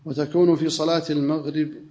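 Flat-voiced man reading a text aloud. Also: a little high, a little fast. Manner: steady recitation-like reading.

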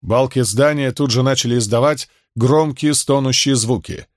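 A man's voice: mid-range voice, moderate pace, dry recording. Man narrating a historical novel, dry sound. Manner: steady storytelling. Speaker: audiobook narrator.

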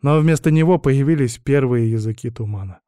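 Man reading a gritty audiobook, low mellow tone, dry close sound. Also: a little fast, clear, resonant tone, no echo. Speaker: audiobook narrator. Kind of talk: dramatic first-person audiobook reading.

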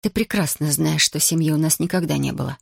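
A reader doing a calm, resolute young mother. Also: mid-range voice, gravelly, breathy edge, no room sound, clean studio sound. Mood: calm, firm. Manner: calm, measured, firm.

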